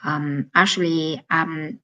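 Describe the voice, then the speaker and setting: A native Vietnamese speaker hosts a casual solo live stream in English, her Vietnamese accent clear as she halts, searches for words and pauses often. Her voice is low, bright and forceful with fairly even intonation, though the audio is dull.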